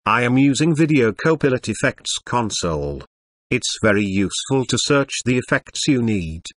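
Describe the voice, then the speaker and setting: A synthetic, stilted male computer voice, like an old speech synthesizer, narrating a scripted software tutorial. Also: medium pitch, lively intonation, normal speed, no room sound, studio quality. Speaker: tutorial presenter.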